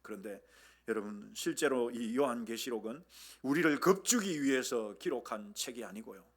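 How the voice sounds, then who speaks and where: A man's voice: mid-range voice, lively intonation, normal speed. A male pastor with a Gyeongsang accent, preaching a sermon in a church and leading the congregation in call-and-response with humor. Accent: Gyeongsang Korean. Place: church sanctuary.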